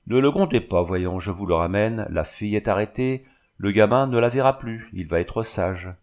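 Guy reading a kind old-school village priest, coaxing and firm, lowish voice, audiobook. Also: expressive, normal speed, a little mellow, natural voice. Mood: persuading. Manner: coaxing, paternal scolding. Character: kindly middle-aged village priest, gently firm.

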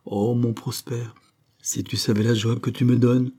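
A man's voice: mid-range voice, flat delivery, unhurried, dark tone, voice pushed up, lightly acted. A man reading aloud voices a careworn young woman who is tender and overwhelmed, speaking with pleading emotion.

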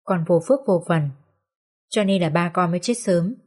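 A woman's voice: fairly low pitch, moderate pace, a little mellow, natural voice. A woman voicing a sorrowful young daughter who works as a servant, speaking earnestly through tears. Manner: earnest, tearful.

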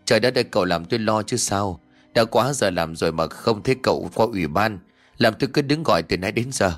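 A man voicing a kindly but fussy older village man who talks bluntly and briskly. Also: on the low side, lively intonation, faint music behind, lightly acted.

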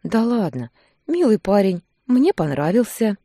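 A woman's voice: mid-range voice, very animated, measured pace, dark tone, no echo, studio quality, pitched above the performer's own voice. A woman voicing a playful, teasing young wife in an audiobook.

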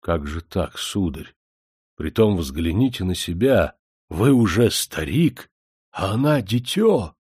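A man reading a storybook, voicing a stern but humble old widowed father who speaks in a slow, deferential way. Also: deep voice, sing-song, a little mellow, slightly rough, no echo, clean studio sound, exaggerated voice. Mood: measured, coaxing.

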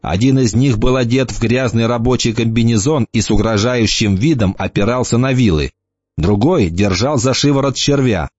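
A man reading an audiobook in a lively storytelling manner. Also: mid-range voice, no room sound. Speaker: audiobook narrator. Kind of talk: scripted narration. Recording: dull lo-fi dry recording.

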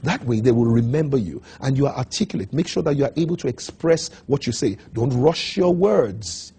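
A man delivers a coaching talk in a very husky voice with a dark, mellow tone. He is emphatic and drives his points home by repeating them. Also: mid-range voice, lively intonation, fairly quick. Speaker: motivational speaker.

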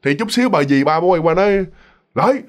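High, fast-talking Mekong Delta storyteller man. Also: animated. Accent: Southern Vietnamese, Mekong Delta. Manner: chatty, loose and repetitive, addresses listeners directly. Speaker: storyteller, channel host. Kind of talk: casual ghost story narration.

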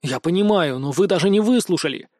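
A stubborn teenage boy psionic who talks softly and keeps defending himself, as a man voices him for an audiobook. His speech sits low and hushed, recorded dry and close. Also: animated, a little fast, dry recording. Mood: subdued. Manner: soft, subdued, defensive.

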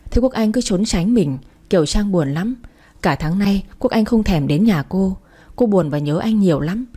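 A woman giving a steady, scripted first-person story narration. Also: mid-range voice, slightly rough.

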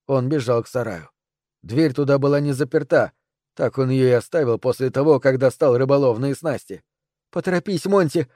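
A man narrating an audiobook in a steady, even reading voice. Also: medium pitch, brisk, no echo, clean studio sound.

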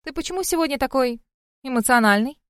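Женщина озвучивает игривую семихвостую лисицу-духа из аудиокниги, которая дразнит и смеётся. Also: female voice, sits high, expressive, quick pace, a bit bright, clean tone, no room sound, clean studio sound, voice pushed up. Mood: teasing. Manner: teasing, laughing, mocking. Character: playful seven-tailed female fox spirit. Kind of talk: audiobook reading.

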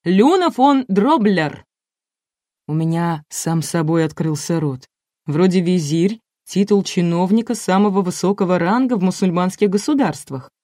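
A woman's voice: fairly low pitch, moderate pace, warm tone, no echo, clean studio sound. A woman narrating an audiobook in the first person, with a wry, ironic manner.

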